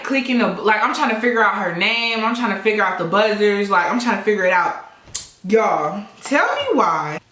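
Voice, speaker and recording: Bright-voiced woman telling a story. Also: mid-range voice. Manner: animated storyteller who addresses viewers directly; acts out other people's voices in her story. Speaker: vlogger. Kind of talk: casual storytime while eating. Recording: echoey room.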